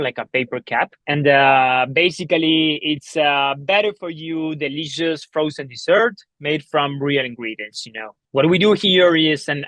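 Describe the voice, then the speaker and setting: A man's voice: fairly high pitch, fairly bright tone, dry recording. Upbeat man. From Argentina. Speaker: guest, startup co-founder. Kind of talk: casual interview. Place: coworking office.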